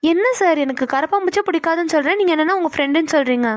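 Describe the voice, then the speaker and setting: A woman's voice: very high-pitched, dry recording. A woman voicing a chatty young office girl. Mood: protesting. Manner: chatty, quick to protest. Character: chatty young female office worker, easily flustered. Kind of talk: cartoon voice acting.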